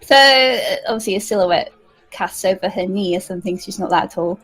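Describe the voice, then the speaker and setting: A woman's voice: medium pitch, fairly quick, a bit bright, slightly rough, poor audio. A woman player rambling through her character's actions, giggling as she goes.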